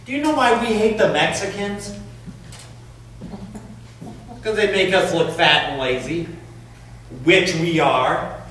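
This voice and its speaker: A crude, prying stranger on a park bench rambles bluntly and vulgarly in a stage play, played by a man. His voice sits a little high. He sounds distant from the mic in a very echoey space, with faint hiss behind him. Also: slow pace, long pauses, a bit bright. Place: stage performance.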